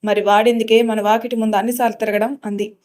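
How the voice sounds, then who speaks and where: A woman's voice: fairly high pitch, flat delivery, fast, close to an everyday voice. A woman voicing an angry, strict middle-aged village mother who scolds her daughter. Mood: scolding. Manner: scolding, shouting.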